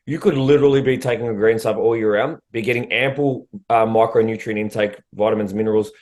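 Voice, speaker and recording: A man's voice: lowish voice, fairly even intonation, fast talker, a little mellow. A man hosting a coaching podcast, talking casually and bluntly, swearing now and then. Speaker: prep coach podcast host.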